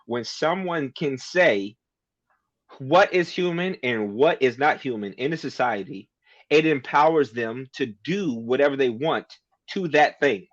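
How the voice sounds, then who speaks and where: A man's voice: mid-range voice, lively intonation, unhurried, muffled recording. A man co-hosting a podcast, arguing his point at length in a casual debate. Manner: argumentative, emphatic, makes a point at length. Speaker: podcast co-host.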